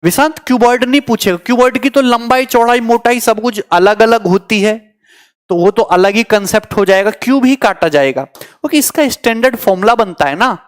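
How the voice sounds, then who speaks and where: High-voiced teacher explaining exam maths. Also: male voice, a little fast, smooth. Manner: teasing, chatty, answers student comments. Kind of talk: online exam coaching lecture.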